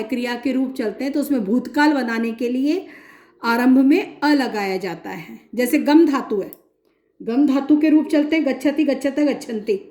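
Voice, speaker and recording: Slow, methodical woman lecturing. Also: high voice, darkish tone, roomy sound. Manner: methodical, explaining with many examples and pauses. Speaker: linguistics lecturer. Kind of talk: recorded academic lecture.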